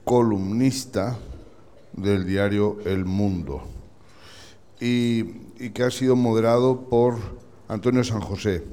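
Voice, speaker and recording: A man's voice: fairly low pitch, steady tone, takes it slowly, dark tone, clean tone. A man hosting an event, making hesitant improvised remarks with fillers and restarts. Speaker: event host introducing the minister.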